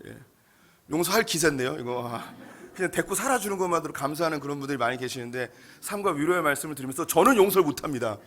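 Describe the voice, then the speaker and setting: Bright-voiced male pastor preaching. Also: on the high side, fast. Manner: lively storytelling, candid. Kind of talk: sermon.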